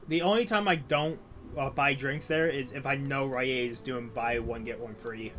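A man's voice: mid-range voice, normal speed, over music. A man hosting a gaming video, chatting casually and rambling with fillers while he plays. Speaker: gameplay channel host.

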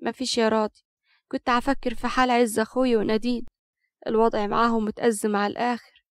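Woman voicing a sharp-tongued Upper Egyptian wife. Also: a little high, little pitch movement, fast talker, no echo, clean studio sound, close to an everyday voice. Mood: irritated. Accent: Upper Egyptian Arabic. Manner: irritated and cutting.

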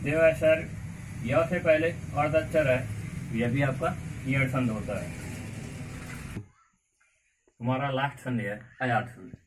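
A man teaching a grammar lesson in a coaching class, slowly repeating words and asking the class questions. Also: medium pitch. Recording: far from mic with faint background noise.

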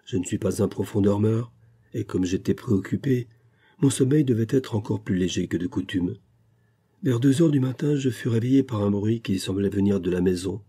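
Low husky male audiobook reader. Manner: measured, steady storytelling. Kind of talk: audiobook narration of a classic detective story.

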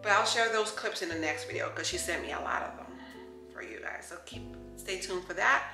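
In her home kitchen, a woman in her thirties from New York vlogs about lifestyle, talking upbeat and directly to camera for her viewers. Her pitch is medium and her pace fairly quick. The recording comes from a camera near her on the counter, with kitchen echo and faint music.

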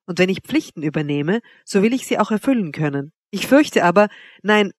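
A woman's voice: mid-range voice, lively intonation, brisk, lightly acted. A woman reading an audiobook, voicing a haughty young noblewoman who teases her suitor with cool mockery. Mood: teasing. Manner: teasing, coolly mocking. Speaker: princess Wanda.

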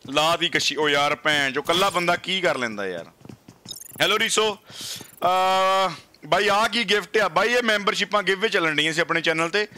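Boisterous Punjabi man streaming, high bright voice. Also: lively intonation, normal speed. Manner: boisterous, slangy banter with swearing. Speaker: game livestream host. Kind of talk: casual gameplay livestream chat.

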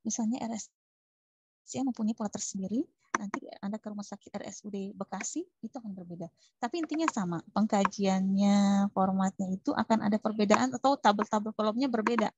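A woman's voice: mid-range voice, a little fast, muffled recording, background noise. A woman nursing lecturer teaching a class, taking student answers and acting out short patient and nurse exchanges. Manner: lively, acts out patient and nurse dialogues.

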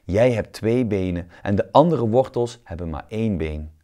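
A man's voice: lowish voice, expressive, normal speed, natural voice. A man doing a kind motherly tomato lady. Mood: comforting. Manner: gentle, comforting. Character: kind odd-shaped female tomato, motherly.

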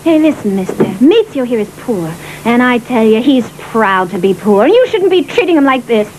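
Brief: a brash young New Yorker, high and very animated. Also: female voice, normal speed, background noise. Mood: defiant. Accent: New York. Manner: brassy, mouthy. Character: brash young woman from the Bronx, feisty. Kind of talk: dubbed film acting.

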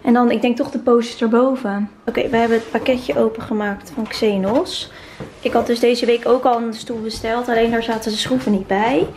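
A woman's voice: fairly high pitch, steady tone, normal speed, a little mellow, slight background noise, poor audio. Upbeat young woman vlogging her new apartment. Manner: chatty and upbeat, filming herself handheld. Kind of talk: casual vlog narration. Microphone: handheld camera close to the face.

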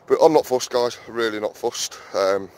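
A man with a medium-pitched voice talks at a moderate pace, with slight background noise. He's an allotment vlogger doing a casual walk-and-talk, strolling his outdoor plot and then a small garden shed, chatting to viewers with lots of fillers and calling them guys.

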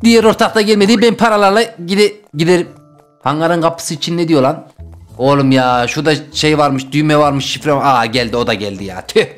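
A young man commentating as he plays a video game, excitable, jumping from loud high yelps to low muttering. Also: brisk, faint music behind. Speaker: gaming YouTuber. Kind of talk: Let's Play commentary.

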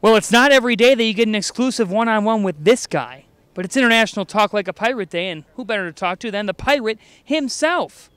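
Lively high-voiced young man host. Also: fast talker, hardly any pauses, smooth, dry recording. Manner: enthusiastic, jokey, animated. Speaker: campus reporter host. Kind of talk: playful campus report.

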